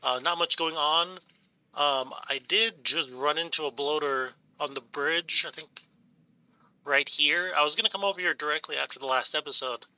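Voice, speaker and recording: A gaming YouTuber with a stuffed, runny nose rambles through casual let's play commentary over his game footage, full of ums and restarts. His voice is on the high side, bright and forceful at a moderate pace, on a rough recording.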